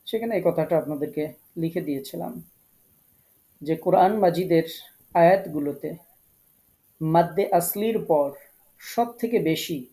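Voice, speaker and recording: A man teaching an online Quran recitation class, explaining each point patiently and repeating key rules slowly. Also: fairly high pitch, mellow, rough recording. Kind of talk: online tajweed class lecture.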